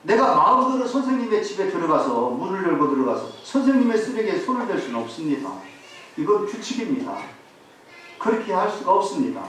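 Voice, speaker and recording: A man's voice: a little high, fairly bright tone, distant mic, slight background noise. A male pastor voicing a polite, firm sanitation worker who explains a rule in a courteous, matter-of-fact way. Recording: very echoey hall, voice off-mic.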